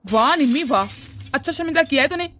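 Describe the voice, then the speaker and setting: A woman's voice: sits high, animated, fast, fairly bright tone, slight background noise. A woman voicing a stern older father in a cartoon, lecturing his wife and daughter reproachfully. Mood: scolding. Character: stern scolding older father-in-law, man. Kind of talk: cartoon voice acting.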